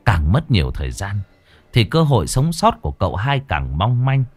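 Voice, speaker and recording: A man tells a ghost story with dramatic flair. His voice sits low but rises and falls with a lively, expressive pitch. The recording is dry and close, with no room around it. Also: normal speed, no echo, soft background music. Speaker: narrator. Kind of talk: horror story narration.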